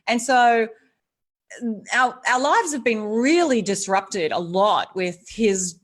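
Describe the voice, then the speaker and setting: Her voice is a little high and slow: a middle-aged woman with an Australian accent, guesting as an author over video in a casual interview. She talks earnestly and thoughtfully, frequently starting her sentences over.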